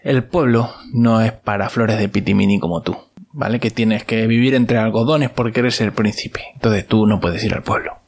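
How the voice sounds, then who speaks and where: A man's voice: lowish voice, fairly even intonation, moderate pace. A man voicing a formal, condescending palace servant with a Spain Spanish accent. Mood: patronizing. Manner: formal, patronizing. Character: stiff, condescending royal servant.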